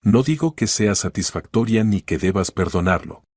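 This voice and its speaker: A man reading the lines of a practical, calm older sister who gives measured advice in a narrated story. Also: lowish voice, no echo, clean studio sound. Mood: calm, concerned.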